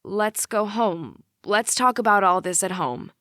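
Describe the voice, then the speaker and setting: A woman's voice: medium pitch, animated, unhurried, pushed and bright, no room sound, clean studio sound. Woman voicing a worried, caring older brother. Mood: consoling. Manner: hesitant, consoling.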